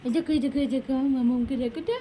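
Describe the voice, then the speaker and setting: A woman's voice: high voice, very fast, warm tone, a little hiss or hum. A mother talking sing-song baby talk to her baby while filming at home.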